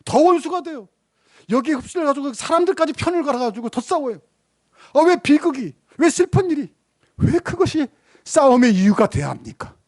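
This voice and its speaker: A man's voice: very high voice, sing-song, a little fast, a little mellow. A middle-aged man preaching a sermon as a pastor, telling a story and asking the congregation rhetorical questions with rising emphasis. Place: church sanctuary.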